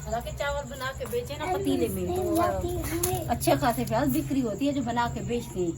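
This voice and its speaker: A woman's voice: high voice, lively intonation, a little fast. A woman bantering firmly with her family in a home kitchen. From Pakistan. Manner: firm, dismissive refusals. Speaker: host's wife. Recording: noisy home audio.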